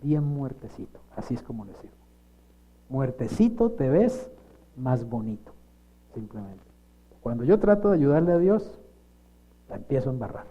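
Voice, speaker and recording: A middle-aged man, a pastor preaching a sermon and putting lively questions to the congregation. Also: medium pitch, moderate pace, pauses often, dull audio. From Colombia.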